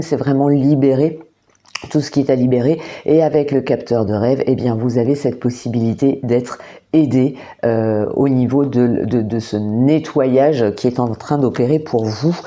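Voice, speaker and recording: Indoors under artificial lighting, a tarot and oracle card reader offers her monthly astrology reading in a rumbling low voice. Her delivery is soft and tentative, with frequent fillers and repeated words.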